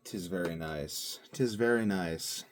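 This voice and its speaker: There's a bit of hiss or hum behind this vlogger's low-pitched, slow-paced voice. He talks casually to his channel, musing and drifting from topic to topic with plenty of fillers.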